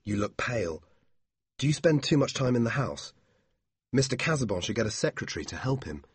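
A man voicing a sincere, devoted young man, speaking slowly and earnestly. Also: mid-range voice, sing-song, slightly rough, no room sound, voice pushed up.

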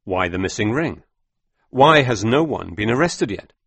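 A man voicing a calm, measured male detective in a read-aloud detective story, asking probing questions in a husky voice. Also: on the low side, no echo, voice pushed up, full character voice.

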